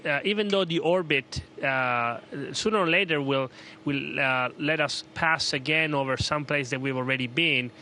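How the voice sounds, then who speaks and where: A man speaking as an astronaut, explaining things casually in a halting, repetitive way. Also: on the high side, bright, forceful tone. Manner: halting, with repeated phrases. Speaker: astronaut being interviewed. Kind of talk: casual explanatory interview answers. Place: aboard a space station. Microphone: handheld microphone. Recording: faint equipment hum.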